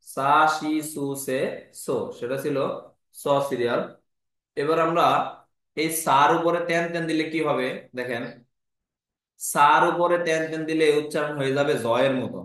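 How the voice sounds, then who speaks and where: A man teaching a language lesson, patiently repeating each syllable slowly and clearly. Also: on the high side, a bit bright. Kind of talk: classroom lesson explaining Japanese script. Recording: very echoey room.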